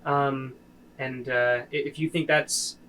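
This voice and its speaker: A man voicing an earnest, soldierly middle-aged village leader who speaks softly and haltingly. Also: medium pitch, fairly even intonation, clean tone, low-quality recording.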